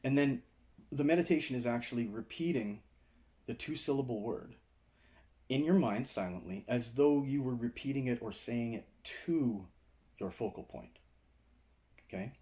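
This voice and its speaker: Mellow-voiced man teaching meditation. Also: medium pitch, moderate pace, long pauses. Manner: conversational, explains with frequent "right?" and "okay?" check-ins. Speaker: meditation and martial arts teacher. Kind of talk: casual video lecture to camera. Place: indoors, seated.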